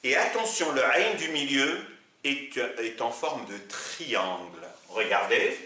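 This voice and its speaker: Slow, lively-voiced man teaching. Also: roomy sound, a little hiss or hum. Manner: slow, patient explaining with lively pitch. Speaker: Arabic teacher. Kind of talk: video lesson.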